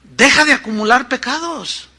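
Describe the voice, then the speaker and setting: Man in his 50s, Mexican Spanish accent, pastor's sermon, high voice, bright and forceful, lively storytelling. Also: normal speed. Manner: animated, acts out voices in anecdotes, colloquial asides.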